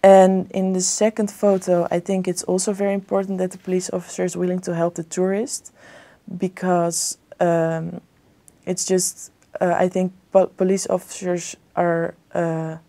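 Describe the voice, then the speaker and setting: A young Dutch woman answers spoken English exam questions as a candidate, hesitating often with plenty of fillers and restarts. Her voice is lowish and mellow, delivered flatly at a moderate pace.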